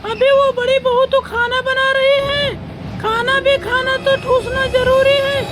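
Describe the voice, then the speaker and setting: Woman doing a bossy old cartoon mother-in-law, super high squeaky voice, kinda flat, loud noise behind. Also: a little slow. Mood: scolding. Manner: scolding, insulting, loud complaining. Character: nagging older mother-in-law, bossy, sharp-tongued. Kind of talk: cartoon voice acting.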